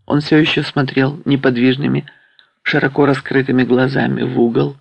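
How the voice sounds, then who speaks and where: A man reading a historical novel aloud as an audiobook narrator, in a dramatic, measured way. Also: medium pitch, little pitch movement, creaky, dry recording, dull audio.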